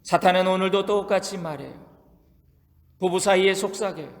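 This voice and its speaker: A man's voice: sits high, moderate pace, gravelly. A man preaching a sermon as pastor, emphatic and asking his congregation rhetorical questions. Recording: long reverb of a large hall.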